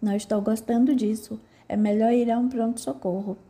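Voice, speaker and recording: A woman reading the lines of a kind, responsible young man in an audiobook, in a calm and reassuring way. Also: on the high side, fairly quick, natural voice. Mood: calm, caring.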